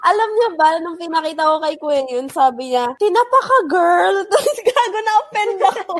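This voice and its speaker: A woman's voice: extremely high pitch, lively intonation, a little fast, no echo. A woman with a Filipino accent bantering as a podcast co-host in slangy Tagalog mixed with English.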